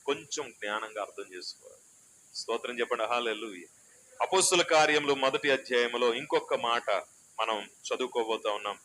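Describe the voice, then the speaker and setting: A pastor preaching a sermon in a small church hall, shifting between loud exhortation and soft, chatty asides. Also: male voice, medium pitch, fairly quick, slight background noise.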